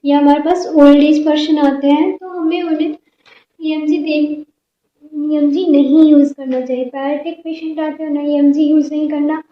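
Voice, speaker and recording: A woman with a high voice teaches a physiotherapy class, going through her notes one point at a time in a steady, explaining way. The sound is dull and lo-fi, with the echo of a roomy space around her.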